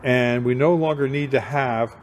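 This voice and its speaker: A man demonstrates his work in an easygoing, practical way. He speaks at a middling pitch. Faint outdoor ambience sits under his voice. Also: unhurried, a little hiss or hum. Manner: plain, hands-on explaining with fillers. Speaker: farm grower. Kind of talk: casual demonstration.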